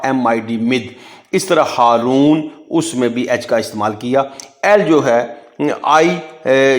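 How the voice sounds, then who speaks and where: Man teaching phonics. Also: mid-range voice. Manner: slow, spells words out letter by letter. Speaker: English teacher. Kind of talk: phonics lesson.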